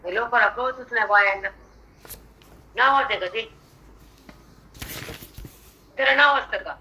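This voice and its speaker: An older woman with a Marathi accent giving a devotional discourse on scripture, slowly chanting verses and then explaining them in lively spoken asides. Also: a little high, lo-fi sound, slight background noise. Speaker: spiritual teacher expounding scripture.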